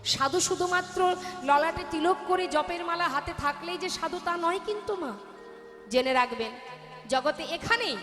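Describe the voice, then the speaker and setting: A woman telling a devotional story in a kirtan sermon, in a lively way, chanting refrains and speaking to her listeners as mothers. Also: very high voice. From Bengal. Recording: echoey hall with music.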